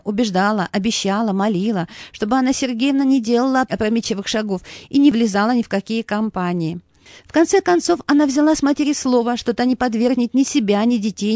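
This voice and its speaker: A woman reading a story aloud in a steady, expressive scripted narration. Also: a little high, no echo, studio quality.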